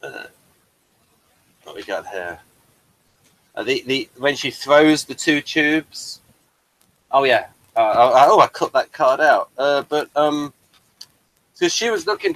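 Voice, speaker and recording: On a video call, a man casually discusses the stage play he wrote, full of fillers and restarts as he rambles. He speaks at medium pitch, very animated yet slow with long pauses, a little bright, over poor audio.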